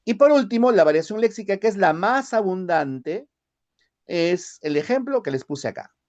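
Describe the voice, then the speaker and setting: A man from the Peruvian highlands with a Lima accent, lecturing a language class and often checking in with short tag questions. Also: expressive, normal speed, a little mellow, highs cut off. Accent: Lima Spanish. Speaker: language teacher.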